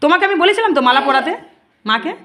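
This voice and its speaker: A woman's voice: high-pitched, lively intonation, racing, a bit bright. A woman spiritual healer, earnestly addressing devotees and viewers and repeating herself often. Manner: earnest, repetitive, often asks "ঠিক আছে?".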